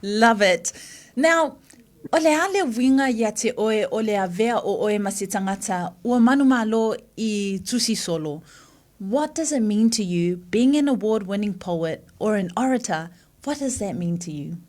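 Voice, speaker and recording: A woman's voice: medium pitch, expressive, normal speed, darkish tone. A woman hosting a breakfast radio show, interviewing in two languages and affirming her guest with short responses.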